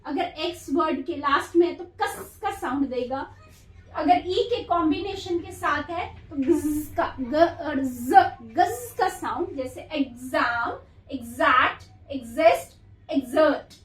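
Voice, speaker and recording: Slow, high-voiced woman teaching phonics. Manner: sounds words out slowly, repeating each one; calls her students "beta" warmly. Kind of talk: slow classroom phonics lesson. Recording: echoey room from far off.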